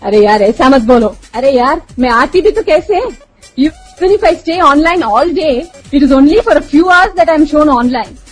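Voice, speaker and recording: A woman's voice: sits high, expressive, rapid-fire, faint music behind. A woman with an Indian accent co-hosting a show in chatty, scripted banter, switching between languages. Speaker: co-host.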